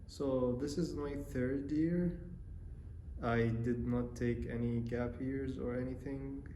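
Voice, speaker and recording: Young Syrian man, flat roomy voice. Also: mid-range voice, a little hiss or hum. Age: young adult. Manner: relaxed, hesitant with fillers and pauses. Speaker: interview guest, university student. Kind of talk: casual interview answers. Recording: roomy echo, faint ambience.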